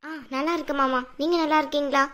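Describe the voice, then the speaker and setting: A woman voicing a young woman in a cartoon, a hostile elder sister with a sharp, insistent manner. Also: sits high, fairly even intonation, fast. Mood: polite. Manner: sharp, insistent, pleading with her father-in-law. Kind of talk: cartoon voice acting.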